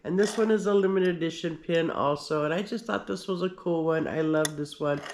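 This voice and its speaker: Slight background noise accompanies a man with a slight cold describing his pin collection in a rambling show-and-tell, with many fillers and restarts. His slightly nasal voice is a little high and a little fast.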